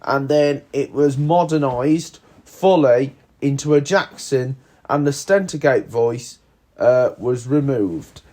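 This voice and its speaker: A man's voice: mid-range voice, takes it slowly, dark tone. A man hosting a video with casual, slightly hesitant, plain-spoken voice-over narration. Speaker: video host.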